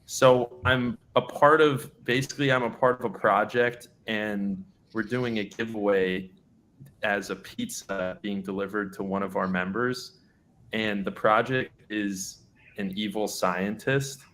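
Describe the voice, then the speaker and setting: Male prank caller, slightly low voice, polite, halting, fumbles his words. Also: fairly even intonation, fairly bright tone, a little hiss or hum. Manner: hesitant, overly polite, lots of um and restarts. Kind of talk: prank phone call.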